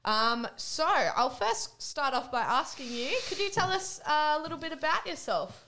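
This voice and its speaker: A woman's voice: high-pitched, animated, unhurried, sharp tone, slight background noise. A woman hosting a casual podcast interview, asking upbeat, encouraging questions. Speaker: podcast host interviewing guests.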